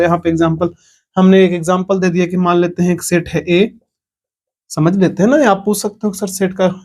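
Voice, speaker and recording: In an online maths lecture, a high-voiced, slightly mellow man walks through each point step by step. He frequently asks the class whether they're following.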